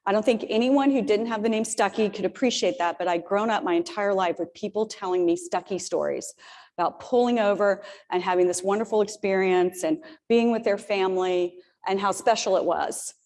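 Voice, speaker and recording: A woman's voice: medium pitch, fairly quick. A woman in her fifties tells a motivational story from a stage, chatty and personal, with joking asides to the crowd. Her voice rings out with a long reverb tail in a large old theater. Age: 50s. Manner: lively, personal storytelling with humorous asides to the audience. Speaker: keynote speaker.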